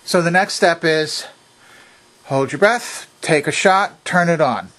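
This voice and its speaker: Speaking slowly in a slightly high, somewhat bright voice, an older man presents a vintage electronics repair video from an indoor workbench. His narration of the hands-on fix is casual, unscripted, and methodical, one step at a time.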